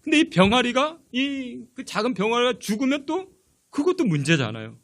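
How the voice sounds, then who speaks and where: A man preaching a sermon in a high, bright-edged voice that rises and falls widely. He tells his stories with lively energy and keeps turning to the congregation with questions. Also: moderate pace. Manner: animated storytelling with rhetorical questions. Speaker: pastor.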